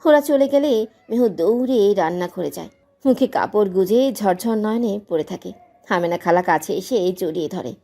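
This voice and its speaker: A woman's voice: medium pitch, moderate pace. A woman narrating a dramatic audio love story with emotive delivery. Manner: emotive, expressive.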